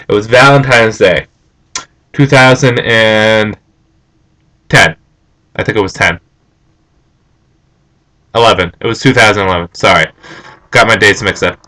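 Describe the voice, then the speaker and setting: A young man vlogging, ranting and telling stories in an animated, opinionated way. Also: on the low side, normal speed, pauses often, poor audio. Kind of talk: casual opinion rant.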